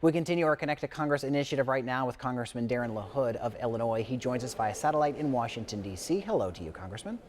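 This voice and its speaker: A man's voice: mid-range voice, expressive, quick pace, hardly any pauses, slight background noise. A man with an American accent working as a news anchor, presenting and asking questions in a broadcast news interview.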